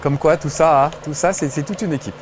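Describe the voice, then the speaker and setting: A man's voice: a little high, steady tone, fairly quick, noisy background. A middle-aged man giving joking, chatty commentary while playing a video game, swearing casually. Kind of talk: gameplay commentary.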